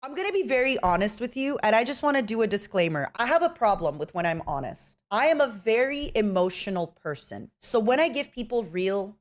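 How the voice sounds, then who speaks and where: A woman's voice: mid-range voice, sing-song, fairly quick, hardly any pauses. A young woman streamer giving frank, abrasive advice in a casual, direct way. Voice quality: abrasive, blunt, plain-spoken. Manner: direct, calls listeners "baby". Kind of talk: casual advice talk on a livestream. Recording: faint music behind.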